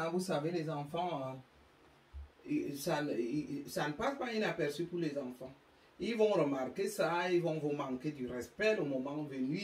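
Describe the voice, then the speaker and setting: A woman's voice: on the low side, a little mellow. A woman from Africa giving emphatic, scolding parenting advice to an audience, often stammering over repeated words, recorded in a roomy space away from the mic. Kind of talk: impassioned monologue to an audience. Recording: roomy sound, mic far off.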